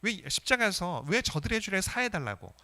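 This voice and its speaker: A man preaching a Sunday sermon as pastor, emphatic and animated, asking the congregation rhetorical questions. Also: sits high, fairly quick.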